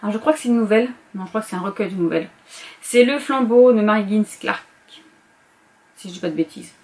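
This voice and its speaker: A woman's voice: mid-range voice, fast talker, darkish tone. A woman book vlogger in a casual chat to camera, going through her reading list and often hesitating and correcting herself.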